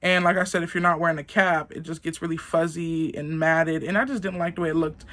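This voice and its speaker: A woman's voice: deep voice, steady tone, a little fast, a bit bright. A young woman telling a casual story to the camera, rambling and filling with "like". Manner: rambling, heavy use of "like". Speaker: vlogger.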